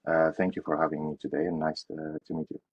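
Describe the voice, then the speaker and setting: A man's voice: extremely low pitch, flat delivery, fast, muffled recording. A young man from Syria answering interview questions in a hesitant way, with fillers and restarts. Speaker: interview guest.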